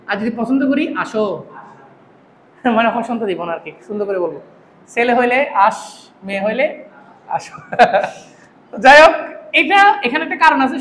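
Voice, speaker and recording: A man's voice: very high-pitched, fairly bright tone. A man teaching a math class, constantly quizzing his students with questions. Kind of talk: classroom lecture. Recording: echoey room, faint hum.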